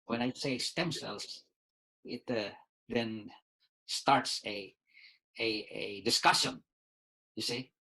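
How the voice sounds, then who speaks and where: A Filipino-accented man in his sixties from the Philippines, a doctor and lawyer, gives a casual spoken testimonial. He pauses often with "uh," repeats words, and says "you see." His medium-pitched voice is pushed, bright, and slightly rough, and the audio is poor.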